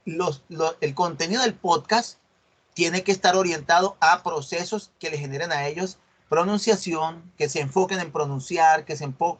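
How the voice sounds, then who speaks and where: A middle-aged man, giving an online university class. He acts out dialogues with students and keeps checking that they follow. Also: fairly high pitch. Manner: explains by acting out student dialogues, checks understanding often. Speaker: university lecturer. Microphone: video call.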